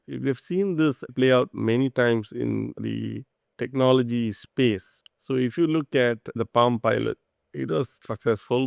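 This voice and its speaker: A man's voice: mid-range voice, vocal fry, no room sound, studio quality. A man from Singapore, a startup founder, giving thoughtful, explanatory interview answers.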